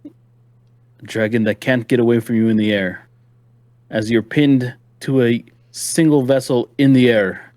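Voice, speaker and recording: A man's voice: medium pitch, steady tone, unhurried, a little mellow, close to an everyday voice. A man doing a haughty, touchy lord. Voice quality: haughty, easily offended. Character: proud, touchy male lord with a ship. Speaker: game master voicing a character.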